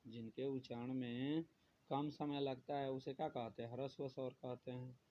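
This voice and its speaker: A man teaches a grammar lesson at a mid-range pitch. He repeats his points and poses questions he then answers. The recording is dull and lo-fi, with faint noise underneath. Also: level tone, normal speed. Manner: repetitive, asks questions then answers them.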